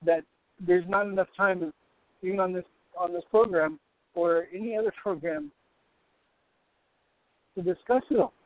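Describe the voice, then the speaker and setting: Phoning in from a car in the hills, a man delivers fervent prophetic preaching aimed squarely at the listener. His high-pitched voice keeps a fairly even intonation at a measured pace, with long pauses and no echo. The tinny, buzzy line glitches and breaks up repeatedly.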